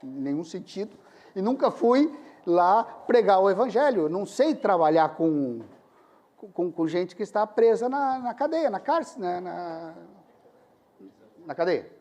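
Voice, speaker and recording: A man's voice: high-pitched, expressive, a little slow, a little mellow. A man with a Brazilian Portuguese accent, a pastor preaching a sermon built on a personal story, acting out what each person said with self-deprecating humor.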